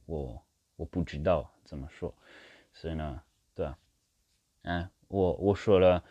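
A man with a foreign accent speaks Mandarin as a second language, slowly and casually. His voice is soft-edged and relaxed, and he often stops to hunt for a word or restates a phrase for emphasis. The sound is dry and a little muffled. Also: sits low, breathy edge, no room sound. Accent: foreign, non-native Mandarin. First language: not Mandarin. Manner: halting, searching for words, repeats phrases for emphasis. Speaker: language learner sharing his experience. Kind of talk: casual monologue in a learned language. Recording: dull, slightly lo-fi sound.

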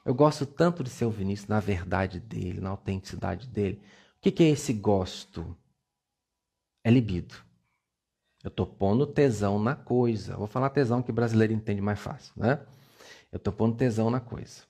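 A man's voice: fairly low pitch, normal speed, vocal fry, warm tone, husky. A man, giving a playful, coaxing motivational talk on a live stream and repeating words for emphasis. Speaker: live-stream self-esteem coach.

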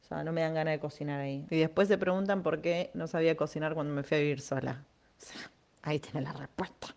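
A woman's voice: low-pitched, fairly even intonation, fast talker, darkish tone. A young woman with an Argentine accent, telling a personal story in a chatty, self-mocking way, full of fillers, as a podcast host. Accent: Argentine Spanish. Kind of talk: casual monologue.

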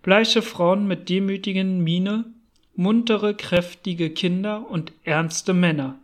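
A man reading a novel aloud as narrator in steady, measured storytelling. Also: high voice. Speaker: audiobook reader. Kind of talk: scripted narration.

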